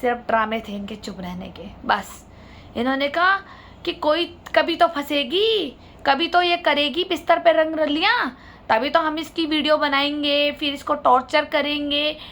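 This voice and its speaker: A woman's voice: sits high, a little slow, fairly bright tone. A woman vlogger telling her own family story to viewers, indignant and asking them to judge. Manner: indignant, appeals to viewers for their judgment.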